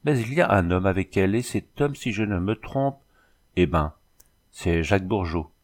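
Man as a fearful young woman, anxious, urgent, very deep voice. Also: lively intonation, normal speed. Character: frightened earnest young woman.

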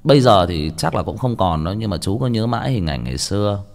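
Young man, low voice, rambling storytelling read with stammers. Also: very animated, quick pace, darkish tone. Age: young adult. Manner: casual, stammers and repeats words. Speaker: audiobook reader. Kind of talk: rambling spoken monologue.

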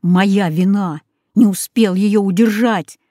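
A grumbling male dog growls out his words slowly in a mellow, dark-edged tone, voiced by a woman reading a storybook. Gruff and blunt, he mutters rather than speaks. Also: medium pitch, fairly even intonation, dry recording, studio quality, close to an everyday voice.

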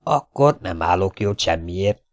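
A man voicing a smug, scheming male blackmailer in an audiobook, with smooth, menacing persuasion. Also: sits low, expressive. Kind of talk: audiobook character voice.

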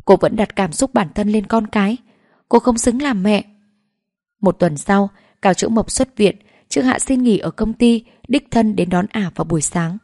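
Warm, mellow female audiobook narrator. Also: medium pitch, normal speed, no echo, clean studio sound. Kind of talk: scripted narration of a romance novel.

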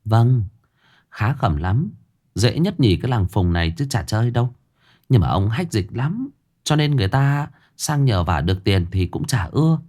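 Male reader doing a gossipy, sharp-tongued young village woman, pitched up high. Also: animated, normal speed, natural voice. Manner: scolding, chatty, indignant.

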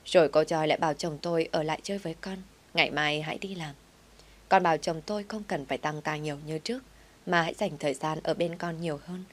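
A woman narrating a first-person story from a script, with an earnest, emotional delivery. Her voice sits low in pitch. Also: fast.

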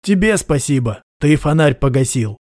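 A man voicing a calm, terse male soldier in an audiobook. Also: a little high, normal speed, no room sound, studio quality, pitched above the performer's own voice, lightly acted. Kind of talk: audiobook narration.

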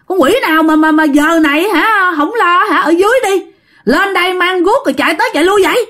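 Woman doing a fed-up middle-aged Southern Vietnamese woman, scolding, pitched well above her own voice. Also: lively intonation, fairly quick. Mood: furious scolding. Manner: shrill scolding yells.

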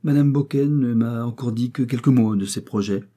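A man voicing a calm, formal provincial notary in an audiobook, imperturbable and stiff. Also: medium pitch, moderate pace, voice pushed up, natural voice. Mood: composed. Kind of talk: audiobook character voice.

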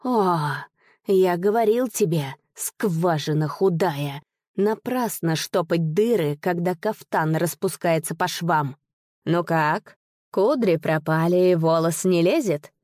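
A woman's voice: on the low side, takes it slowly, a little mellow, no echo, studio quality. A woman voicing an old, sly and greedy male sorcerer who taunts and sneers. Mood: gloating.

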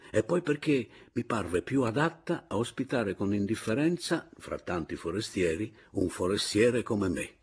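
A man narrating a literary audiobook in the first person, expressive and measured. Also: lowish voice, slightly rough.

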